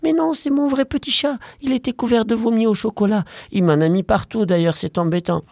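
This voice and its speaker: A man voicing a cheerful father in a bedtime story, speaking brightly and a little raised. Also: medium pitch, fairly quick, creaky, no room sound, clean studio sound, pitched above the performer's own voice, natural voice. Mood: cheery.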